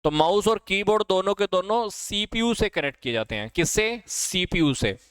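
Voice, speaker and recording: Indian male tutor, high crisp voice, dry close sound, slow question reading then quick explaining. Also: lively intonation, a bit bright, no echo, rough recording. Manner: reads English questions slowly, then explains in Hindi and answers himself. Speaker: teacher. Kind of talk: exam-prep lesson, reading quiz questions.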